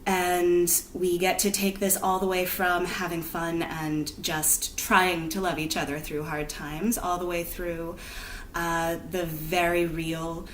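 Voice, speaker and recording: A woman's voice: on the low side, a little hiss or hum. A woman theater director speaking earnestly in a casual interview, laughing easily. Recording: echoey room.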